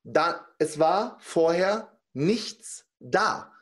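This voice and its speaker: A man's voice: fairly high pitch, extremely slow. A middle-aged man telling a personal story in casual conversation, acting out the people he quotes. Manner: lively storyteller, acts out quoted speech. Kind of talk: personal anecdote in casual talk.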